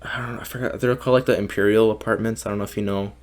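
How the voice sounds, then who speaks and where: A man's voice: fairly low pitch, steady tone, racing. A young man from Mexico, a podcast guest talking casually, swearing often and filling with "like". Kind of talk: casual conversation.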